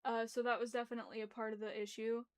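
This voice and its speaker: A woman's voice: fairly high pitch, little pitch movement, racing, clean tone. A young adult woman who reads a story and chats on a livestream, hesitant and apologetic, speaking through a locked jaw with slightly muffled articulation. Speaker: reader and host of a livestream. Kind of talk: reading a story aloud, informal livestream chat.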